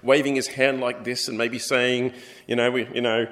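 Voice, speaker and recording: A man preaching a sermon, telling the story in an animated way and acting out the characters. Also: mid-range voice, moderate pace. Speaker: pastor. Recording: long hall reverb.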